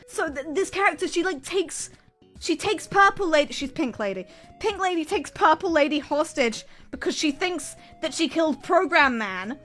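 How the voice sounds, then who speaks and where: High-pitched woman, nonstop chatter, animated storytelling, incredulous, dramatic streamer delivery. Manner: exasperated, incredulous, dramatic retelling with acted-out quotes. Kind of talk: animated rambling storytelling to an audience.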